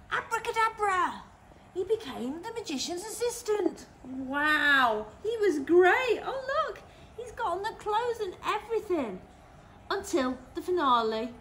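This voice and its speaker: A woman's voice: extremely high pitch, slight background noise. A nursery teacher, a woman, reading a picture book aloud to young children, gasping and asking them questions. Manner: animated, with gasps and questions to the children.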